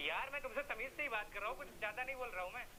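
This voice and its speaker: Man, prank vlogger, teasing, argumentative, high voice, rapid talk. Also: heavy background noise. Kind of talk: staged prank vlog banter.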